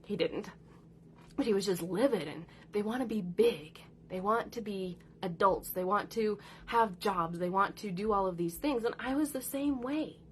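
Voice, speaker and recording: Speaking at a medium pitch and normal speed, with a little hiss or hum in the audio, a mother of four in her thirties who creates content talks about her kids. The chat is casual, long, and rambling, full of her acting out what they said.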